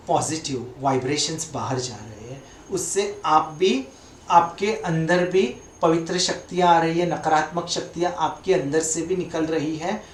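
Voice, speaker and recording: A man teaching and leading a guided meditation, speaking calmly and gently in drawn-out phrases with long pauses. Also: fairly high pitch, slight background noise. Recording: echoey room, voice from far off.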